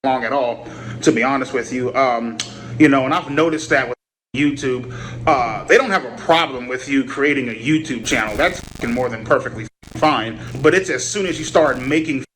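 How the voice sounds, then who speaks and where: A man's voice: medium pitch, normal speed, a bit bright, slight background noise, rough recording. A man ranting profanely to camera in a vlog clip, heated and blunt. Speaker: vlogger in a clip. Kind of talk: rant to camera.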